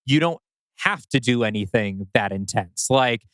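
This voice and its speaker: A male podcast co-host casually critiques a story, animatedly acting out imagined quotes. He speaks at medium pitch, unhurried, with a clean tone in a dry recording.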